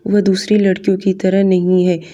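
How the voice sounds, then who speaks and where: A woman's voice: medium pitch, level tone, normal speed, dark tone, close to an everyday voice. A woman reading a lovesick, teasing elder brother. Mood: fond. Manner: affectionate.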